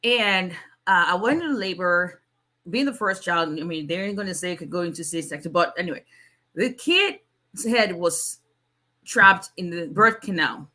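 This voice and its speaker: A Nigerian woman in her forties, an immigration attorney, answers viewers' questions in a casual livestream Q&A. Her voice is lowish, bright and forceful, with lively intonation and a normal speed. She comes across strong and chatty, restarting her sentences often.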